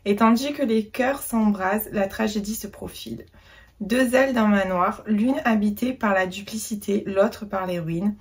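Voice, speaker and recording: A chatty woman hosting a casual reading vlog. Her voice is a little husky, and she fills her talk with fillers and restarts. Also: medium pitch, moderate pace. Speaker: book vlogger.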